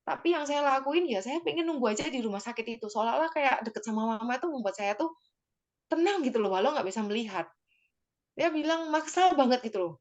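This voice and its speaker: A woman's voice: sits high, expressive, quick pace. A woman giving a personal testimony to her church group, talking conversationally and emotionally, with many fillers and tag phrases, and speaking directly to her listeners.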